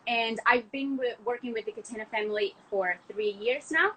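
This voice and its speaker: A young woman from Argentina talks enthusiastically about wine in a loose, chatty way, leaning on "like" as she goes. Her voice is bright and forward. A faint background hiss runs under the video call. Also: a little high, moderate pace, low-quality recording. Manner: enthusiastic, chatty, many "like" fillers. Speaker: wine export manager, guest. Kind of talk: casual podcast conversation. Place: home, from a window view of the city.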